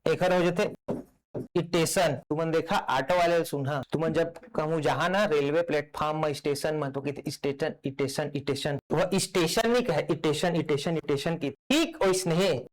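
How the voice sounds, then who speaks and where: High-voiced animated Chhattisgarhi teacher. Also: male voice, unhurried, poor audio. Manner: animated, repeats words to drill pronunciation. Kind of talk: classroom lecture.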